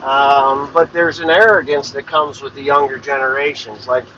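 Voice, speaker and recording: A man's voice: mid-range voice, steady tone, normal speed, pushed and bright, muffled recording, slight background noise. A man in his forties, a farmer hosting his own show, talking in a plain-spoken, rambling way and swearing freely from inside a vehicle. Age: 40s. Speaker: farmer and podcast host. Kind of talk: casual rambling monologue.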